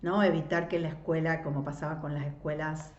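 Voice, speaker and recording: Woman, 60s, lower voice, reads and explains literature, echoey muffled recording. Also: fairly even intonation. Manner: measured, explanatory, rhetorical tags. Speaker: literature reader and teacher. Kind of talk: novel read aloud with commentary.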